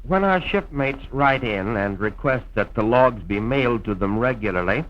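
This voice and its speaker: An American man narrates a scripted promotional film over a vintage soundtrack, using the formal, measured style of an old-time radio announcer. He is a radio program host and narrator with an expressive, mid-range voice, and the highs are cut off.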